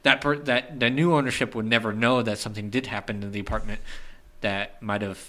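Bright-voiced man co-hosting a podcast. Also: on the low side, fairly even intonation, fairly quick. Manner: chatty, lots of fillers and restarts. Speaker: podcast co-host. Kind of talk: casual podcast chat.

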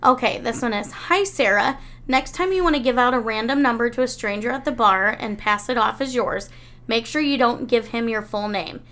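A woman's voice: a little high, moderate pace, a bit bright. A woman in her thirties co-hosting a casual podcast chat, candid and self-mocking, swearing freely. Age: 30s. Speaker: podcast co-host.

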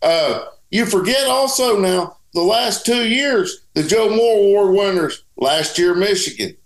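A man with a somewhat high voice gives casual sports commentary as a co-host. He is emphatic, repeating phrases to hammer home his point. The recording has a clear room echo. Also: expressive, measured pace. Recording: roomy, echoing sound.

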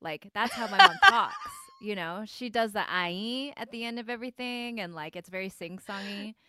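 A woman in her thirties from Michigan with a Midwestern American accent, a podcast guest chatting casually in an excitable, animated way and laughing loudly. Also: mid-range voice, fairly quick, a little hiss or hum. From Michigan, USA. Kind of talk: casual chat.

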